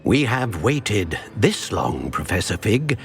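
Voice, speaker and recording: An ancient wizard as a wise mentor in a video game. The voice is low and moves widely in pitch, with grave, formal phrasing. Faint music plays underneath. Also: male voice, sing-song, slow, creaky, full character voice. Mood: solemn, wise. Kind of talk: scripted game dialogue.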